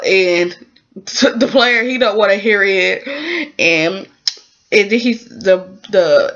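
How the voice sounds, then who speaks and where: Rambling woman recapping a drama. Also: on the low side. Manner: rambling, many fillers, acts out the characters' lines. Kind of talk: casual episode recap. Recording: dull lo-fi recording.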